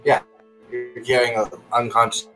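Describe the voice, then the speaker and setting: A man at a middle pitch plays a tabletop game, speaking briskly about where his character stands. Faint music hums behind him. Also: flat delivery, sharp tone, rough recording. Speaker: player. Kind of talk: casual game chat.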